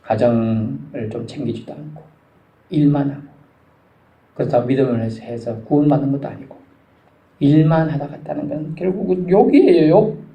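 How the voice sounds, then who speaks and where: Animated high-voiced male pastor preaching. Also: normal speed, dull audio. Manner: animated preaching, voice climbing high when stirring the congregation. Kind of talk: sermon. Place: church sanctuary. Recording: echoey church sanctuary.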